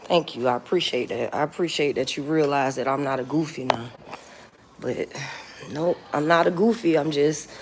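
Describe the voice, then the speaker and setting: This woman in her forties has a deep voice and talks at normal speed while chatting casually with viewers on an outdoor phone livestream. She's blunt and repetitive, with frequent swearing and laughter, and there's slight noise behind her.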